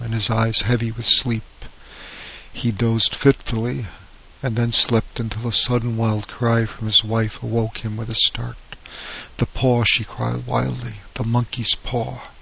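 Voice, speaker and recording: A man reading an old horror short story aloud as narrator, in a steady, even way. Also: mid-range voice, unhurried, creaky, breathy edge, low-quality recording.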